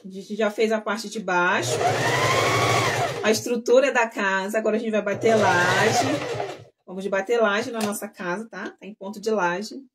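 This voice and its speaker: A sewing instructor teaches a live class, chatting casually with viewers she calls girls while she works and trailing off between steps. Her medium-pitched voice has fairly even intonation and a moderate pace. The recording is very noisy.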